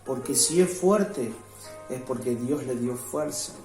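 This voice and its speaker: A man gives a home devotional sermon at a mid-range pitch. He reads verses slowly and checks in with his listeners with a repeated "¿sí?". The sound is roomy and echoey, with soft music underneath. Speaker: preacher. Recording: roomy echo with faint music.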